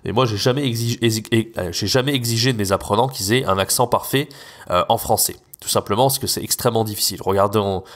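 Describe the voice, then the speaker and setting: A man's voice: lowish voice, fast talker. A young man from France hosting an educational podcast, talking casually with many fillers and self-corrections. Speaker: podcast host, French teacher.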